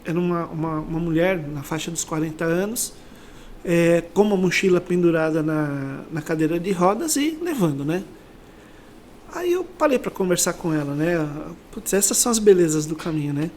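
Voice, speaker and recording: A middle-aged Brazilian man, a company sales director appearing as an interview guest, tells personal motivational stories in a reflective, conversational way, often checking that the listener agrees. His voice is on the high side, a little mellow, with big pitch swings at normal speed. Slight background noise is audible.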